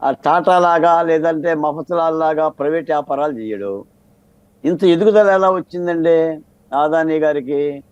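A man's voice: on the high side, normal speed, a little mellow, clean tone, dry recording, dull audio. A man speaking as a political analyst in a televised debate, arguing his case with a stream of rhetorical questions. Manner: argumentative, fires rhetorical questions. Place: TV studio debate set.

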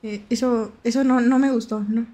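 A woman's voice: a little high, steady tone, normal speed, mellow. A young Mexican woman with a Mexican accent, a VTuber chatting playfully with her viewers while playing a horror game. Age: young adult. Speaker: VTuber streamer. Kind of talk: live horror game stream with chat.

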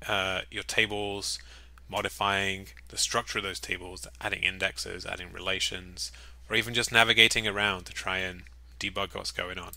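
A man with a lowish voice talks through a software demo in a relaxed, jokey way, as if recording his screen at his desk. His tone is very bright and forward. The sound is close and dry, with faint mouse clicks under his voice. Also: normal speed, creaky, no room sound. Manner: upbeat, chatty, jokey asides. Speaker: software walkthrough presenter.

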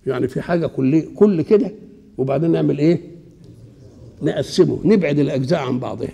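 An older man with an Egyptian Arabic accent, explaining scripture while seated, asking questions and answering them himself in a lively colloquial way. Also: on the high side, quick pace, gravelly, husky. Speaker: Islamic scholar. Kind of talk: Quran exegesis lesson. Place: seated indoors.

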